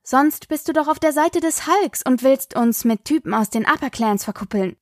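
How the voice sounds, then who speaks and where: A woman's voice: high-pitched, expressive, a little mellow, no echo, clean studio sound. A woman reading an audiobook, voicing a sarcastic, teasing teenage daughter. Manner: sarcastic, quick-tongued.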